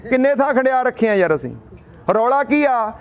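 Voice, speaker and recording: At an outdoor protest sit-in, a middle-aged man from Punjab, India, delivers a passionate address at a moderate pace. His very high voice has lively intonation as he fires off rhetorical questions and tells folksy tales.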